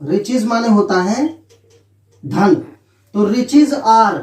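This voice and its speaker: A man teaching as an online English tutor, dictating example sentences slowly and checking in with his students often. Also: sits high, lively intonation, darkish tone. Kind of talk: explanatory online lesson. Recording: echoey room, distant mic.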